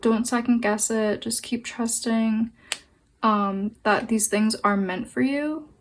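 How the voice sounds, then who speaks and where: Gentle woman giving a tarot reading. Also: a little high, fairly even intonation, slow pace, slight background noise. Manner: gentle, reassuring, with many fillers and restarts. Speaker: tarot card reader. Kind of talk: pick-a-card tarot reading.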